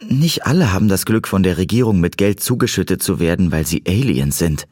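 A man's voice: low-pitched, expressive, fairly quick, a little mellow, dry recording. A man voicing a sarcastic, teasing teenage girl in an audiobook, raising his voice to play her. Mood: casual, dry. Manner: dry, teasing, lightly mocking. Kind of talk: audiobook character voice.

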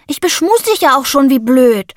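A woman voicing an exuberant, cuddle-loving young boy who talks in squeaky, gushing, drawn-out words. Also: sing-song, no room sound, studio quality.

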